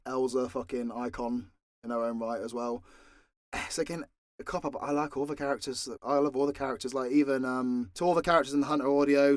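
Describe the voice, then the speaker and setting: This clip has a man of medium pitch, recorded dry and at studio quality. He's a voice actor and audio creator fielding fan questions off the cuff, chatting casually and frankly with plenty of swearing.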